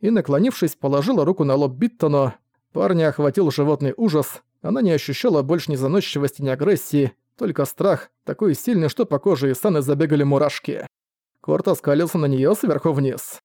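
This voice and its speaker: Man, audiobook narration, measured, mellow tone, slightly high voice. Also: animated, no room sound, clean studio sound. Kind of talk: scripted narration.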